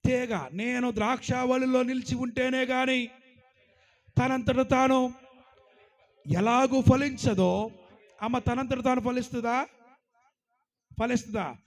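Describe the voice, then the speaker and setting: High-voiced preacher, rising and falling. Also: male voice, fairly even intonation, slow, pauses often. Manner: preaching with call-and-response, asks the congregation to praise loudly; surges loud on scripture, drops low and quiet for anecdotes. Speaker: pastor. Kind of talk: sermon.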